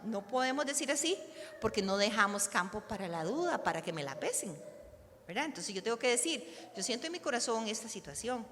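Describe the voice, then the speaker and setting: A woman's voice: on the high side, very animated, a little fast. A woman teaching a church class on prayer in a conversational way, often checking in with her listeners. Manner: conversational, keeps asking "¿verdad?" to the listeners. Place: church hall. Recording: reverberant hall, faint background noise.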